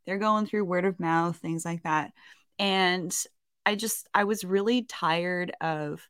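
A woman's voice: on the low side, takes it slowly, fairly bright tone, clear, resonant tone, no echo, clean studio sound. A woman with a Canadian accent co-hosting a podcast in a chatty, self-mocking way, full of rambling asides. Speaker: podcast co-host. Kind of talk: casual podcast chat.

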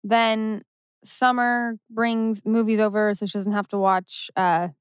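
A woman co-hosting a casual podcast, playful and quick to laugh, with joking asides. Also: mid-range voice, little pitch movement, smooth, no echo. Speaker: podcast co-host. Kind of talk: casual rewatch chat.

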